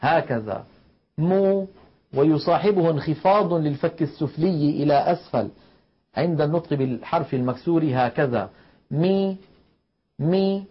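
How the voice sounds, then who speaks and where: Male recitation teacher, husky, slightly high voice, patient explainer, dull lo-fi broadcast audio. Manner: slow explanatory, demonstrating letter sounds. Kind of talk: televised tajweed lesson.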